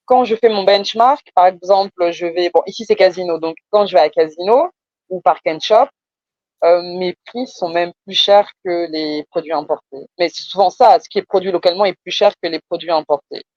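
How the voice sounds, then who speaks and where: A woman's voice: fairly low pitch, normal speed, a little mellow, no room sound, muffled recording. A woman from France with a Parisian accent, explaining her business conversationally, often hesitating and repeating words for emphasis. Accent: Parisian French. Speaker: entrepreneur being coached.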